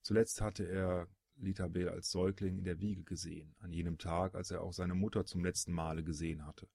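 A man narrating a fantasy audiobook with a husky voice, in steady, measured storytelling. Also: deep voice, no echo, clean studio sound.

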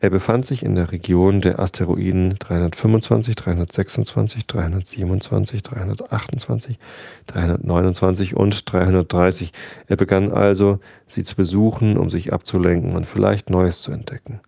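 A man's voice: sits low, steady tone, a little fast, vocal fry, dark tone, no echo, clean studio sound. A man reading a storybook aloud, with wry asides as he describes the pictures. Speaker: reader.

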